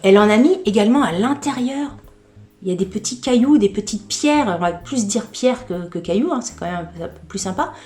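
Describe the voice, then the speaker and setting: Speaking a little fast with a medium pitch, a woman vlogger chats her way through an unboxing in a reverberant space with soft background music. She's a candid lifestyle vlogger who gushes excitedly and keeps stumbling over repeated words.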